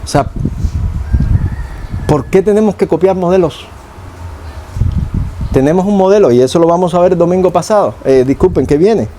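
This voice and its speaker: A man preaching a sermon as pastor, acting out prayers with a low hushed voice and boastful ones higher. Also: normal speed, pauses often, a little hiss or hum. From Cuba.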